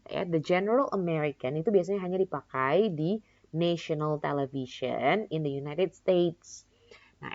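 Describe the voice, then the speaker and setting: Young Indonesian female teacher, lower voice, bilingual explainer who poses and answers questions; muffled lo-fi recording. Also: a little mellow. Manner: explains in two languages, asks and answers her own questions, many "ya kan" tags. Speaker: English pronunciation teacher. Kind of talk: recorded lesson mixing Indonesian and English. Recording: dull lo-fi recording.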